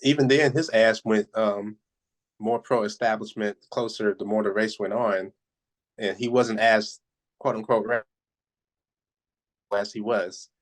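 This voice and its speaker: A man's voice: lowish voice, fairly even intonation, measured pace, pauses often. A man co-hosting a casual podcast, ranting sarcastically and swearing. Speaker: podcast co-host. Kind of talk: casual chat.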